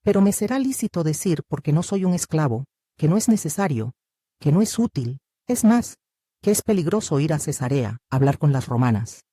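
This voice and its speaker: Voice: medium pitch, very animated, normal speed, mellow, slightly rough, no room sound, clean studio sound. An audiobook narrator reading the lines of a resentful, argumentative male disciple in a bitter, protesting manner.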